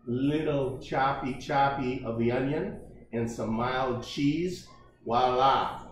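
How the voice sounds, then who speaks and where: A mid-range, slow-speaking older man hosts a relaxed home cooking show, chatting and cracking folksy jokes as he cooks in a spacious kitchen. The camera mic sits at a distance, so the audio is echoey and off-mic with slight background noise.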